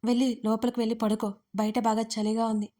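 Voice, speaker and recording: A woman's voice: on the high side, flat delivery, a little fast, warm tone, close to an everyday voice. A woman doing a brooding, curt young man.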